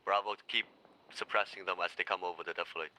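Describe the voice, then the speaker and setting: A man's voice: sits low, steady tone, fast talker, a crowd in the background, low-quality recording. A man leading a squad in a military game, giving tactical commands and directions. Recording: faint background noise.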